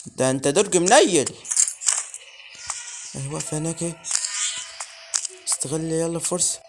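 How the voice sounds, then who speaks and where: A man's voice: on the high side, a little fast. An Egyptian man giving let's play commentary on a horror game, muttering nervously and breaking into sudden yelps. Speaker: gaming channel host. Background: game music.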